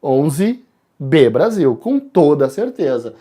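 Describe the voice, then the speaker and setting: Lively Brazilian teacher going over answers. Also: male voice, fairly high pitch, slow. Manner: lively, addresses students directly, spells out letters. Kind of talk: exam answer walkthrough.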